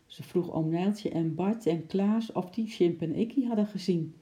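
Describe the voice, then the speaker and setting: A woman narrating a children's audiobook in a lively, expressive way, adding playful sound effects. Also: fairly low pitch, moderate pace. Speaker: storyteller.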